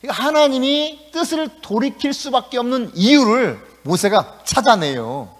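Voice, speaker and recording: A male pastor preaching a sermon in a lively, conversational way in a church. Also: very high-pitched, normal speed. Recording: echoey church hall.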